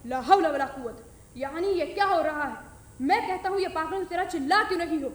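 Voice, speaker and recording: Woman playing a stern gruff father, blustering and loud, echoey room. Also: sits high, normal speed, slight background noise, close to an everyday voice. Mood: angry. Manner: blustering, commanding.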